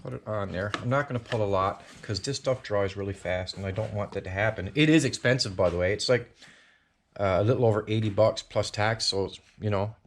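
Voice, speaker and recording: Over slight background noise, a fairly low-pitched man from Newfoundland, Canada, runs his channel's laid-back garage tutorial at home. He works on a car himself, narrating in a rambling way with frequent fillers and false starts.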